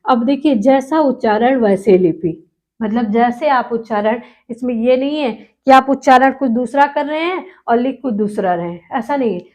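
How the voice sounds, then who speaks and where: High-voiced woman teaching a class. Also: moderate pace, darkish tone. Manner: asks the class questions and answers them herself; drags out key words for emphasis. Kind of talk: classroom-style lecture. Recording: muffled lo-fi recording.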